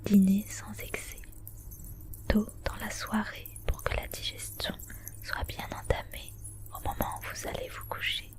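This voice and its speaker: A woman speaks in a soft ASMR whisper, breathy and hushed throughout. Her delivery is measured and instructional, laid out in short phrases with little melodic movement. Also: mid-range voice, monotone. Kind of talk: whispered ASMR guided wellness advice.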